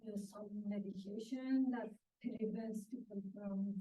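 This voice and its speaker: A woman's voice: mid-range voice, steady tone, measured pace, mellow. Very muted female student, far from the mic. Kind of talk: answering in class. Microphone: far from the microphone. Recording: distant, dull classroom pickup.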